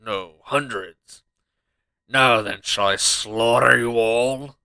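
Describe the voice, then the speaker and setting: A man's voice: mid-range voice, slow, gravelly, pushed and bright, smooth, no room sound, exaggerated voice. A man voicing an ancient, haughty guardian beast from a game, in an imperious, theatrical manner. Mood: haughty menace. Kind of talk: reading game dialogue in character.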